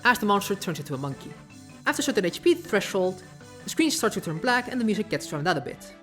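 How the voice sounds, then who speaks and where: A woman's voice: medium pitch, very animated, quick pace, a bit bright, soft background music. A woman narrating a casual video essay with sarcastic, offhand asides.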